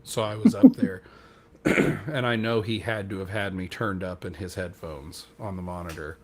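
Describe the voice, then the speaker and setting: A man's voice: low-pitched, normal speed, crowd noise. A man on a podcast telling a rambling, self-deprecating story in casual chat, acting out what other people said. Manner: acts out quoted dialogue. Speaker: podcast co-host.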